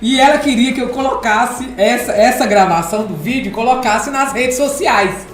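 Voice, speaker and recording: A woman hosts a podcast in an emphatic, repetitive speaking style, her contralto voice sitting fairly high for her. The room is echoey, with faint music running underneath. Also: moderate pace. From Ceará, Brazil. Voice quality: deep contralto voice. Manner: emphatic, repeats phrases for effect. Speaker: podcast host and speaking coach. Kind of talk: casual podcast chat.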